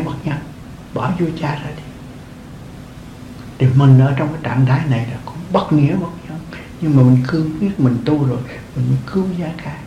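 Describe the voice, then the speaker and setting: A man's voice: mid-range voice, a little mellow, roomy sound, slight background noise, low-quality recording. An older man, a monk, giving an earnest dharma talk to lay followers, repeating his phrases and chuckling often. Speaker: Buddhist monk teaching.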